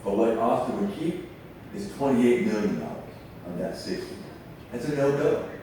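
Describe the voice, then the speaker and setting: A man's voice: medium pitch, animated, normal speed, warm tone, slight background noise. A man speaking at a public forum about school funding, emphatic and full of rhetorical questions. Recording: echoey room, mic far off.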